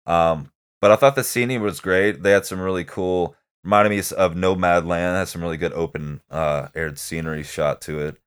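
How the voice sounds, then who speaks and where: A man with a very deep, smooth voice, chatting loosely about a film he enjoyed. He talks in a halting, meandering way, circling back and filling gaps with "um" and "like". The delivery is relaxed podcast conversation. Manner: rambling, halting, many fillers. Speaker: podcast movie reviewer. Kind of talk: casual chat.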